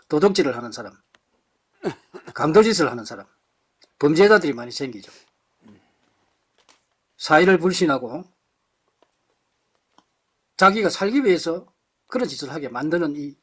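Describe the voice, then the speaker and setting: High, lively-voiced man lecturing passionately. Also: unhurried, pauses often, husky. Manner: impassioned, rhetorical questions, blunt insults. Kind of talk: political lecture to a live audience.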